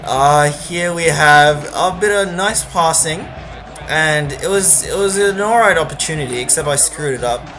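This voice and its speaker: A man's voice: on the high side, a little slow, music in the background. A man commentating a football video game in a casual, rambling voice-over with many fillers. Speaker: gaming channel host.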